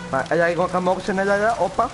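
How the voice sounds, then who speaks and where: A man's voice: high voice, background noise. A young man chatting playfully and rambling as he streams himself playing a game. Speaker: gameplay streamer. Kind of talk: casual live commentary over a game.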